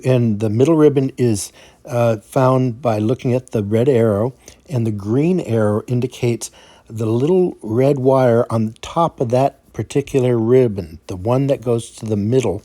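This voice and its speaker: A man's voice: mid-range voice, warm tone. A man narrating step-by-step instructions as a tutorial presenter, explaining carefully and repeating key points.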